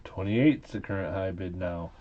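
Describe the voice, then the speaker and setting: A man's voice: sits low, moderate pace, dark tone, muffled recording, a little hiss or hum. A man working as a casual, playful auctioneer, hosting a live auction and repeating bids and calls. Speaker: auctioneer and live stream host.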